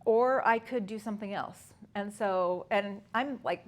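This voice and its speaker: A woman's voice: medium pitch, a little slow. A woman in her fifties speaking at a conference, telling her personal story conversationally with many fillers and restarts. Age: 50s. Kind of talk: personal story talk to an audience.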